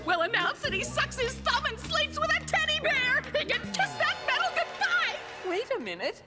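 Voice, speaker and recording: Gleeful cartoon schemer, super high voice, all over the place, theatrical, loud music under it. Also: big pitch swings, normal speed. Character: scheming, cackling villain hatching plots against the mayor. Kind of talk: animated cartoon acting.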